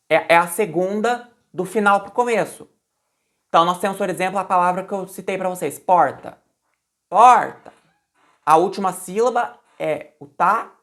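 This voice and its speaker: A woman explaining a language lesson in a conversational way, repeating example words slowly and with loud emphasis, with frequent restarts. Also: medium pitch. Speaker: Portuguese language teacher.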